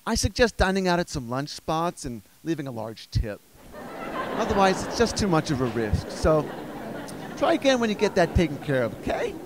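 A man's voice: on the high side, big pitch swings, moderate pace, a loud crowd, very noisy. A man playing a condescending restaurant host who turns away a customer, in a stand-up bit. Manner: prim, patronizing, reading out faults.

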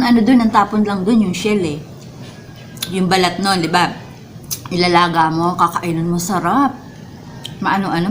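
A woman's voice: on the low side, a little hiss or hum. A Filipino woman vlogger doing a casual mukbang, talking to viewers in a chatty way as she eats and savours her food. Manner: talks while eating and savouring food; chatty, addresses viewers directly. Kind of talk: casual mukbang eating vlog, tasting sweets.

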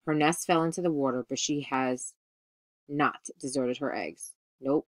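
A woman's voice: extremely low pitch, measured pace, dry recording. A woman reading the lines of a vain adult male pirate captain, commanding and gloomy in turn. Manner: commanding, then melancholy.

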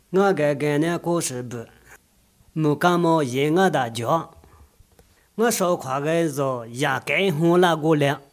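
A man speaking in film dialogue, calling out in an exclamatory way. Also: on the high side.

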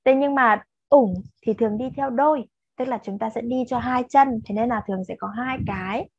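A woman with a Vietnamese accent patiently teaches English to children, mixing Vietnamese explanations with repeated English drill words in a slow pronunciation lesson. Her voice is a little high and slightly rough at normal speed, captured in a dry, lo-fi recording.

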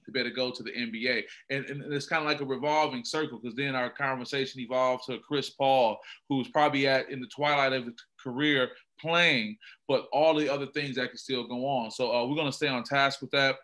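A man hosts a casual sports talk show, speaking in an emphatic, conversational way. His voice has a bright, forceful edge. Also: medium pitch, fairly even intonation, brisk, few pauses. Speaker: podcast host.

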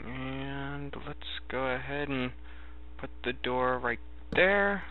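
The sound is narrow and tinny, like a phone line. A man with a mid-pitched voice talks slowly through a casual let's play. He thinks aloud in a halting way as he narrates his own game. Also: slight background noise.

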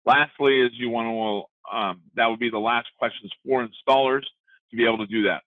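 Man, software trainer, casual step-by-step webinar walkthrough, dry close sound, phone-line audio. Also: mid-range voice, fairly even intonation, fairly quick, no echo.

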